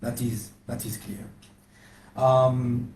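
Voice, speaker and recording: A man's voice: medium pitch, level tone, drawn-out words, darkish tone. A man from Algeria speaking firmly and declaratively as a panel speaker. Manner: firm, declarative. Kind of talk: panel talk. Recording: echoey room, faint noise.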